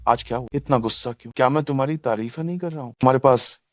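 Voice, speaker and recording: An actor playing a jovial, flattering male drinking buddy in a Hindi drama dub. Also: medium pitch, rapid-fire, close to an everyday voice.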